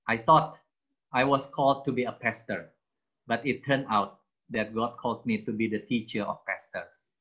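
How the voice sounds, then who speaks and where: A man's voice: medium pitch, fairly even intonation, unhurried, fairly bright tone, lo-fi sound. A man in his sixties, a theology teacher, giving a chatty, self-mocking personal testimony to a youth group and slipping into English phrases. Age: 60s. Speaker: guest speaker, theology teacher.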